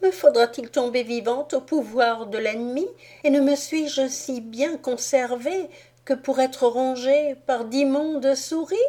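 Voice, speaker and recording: Woman doing a princess doll, young female, proud, plaintive, high voice, storybook. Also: measured pace, mellow. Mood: lamenting.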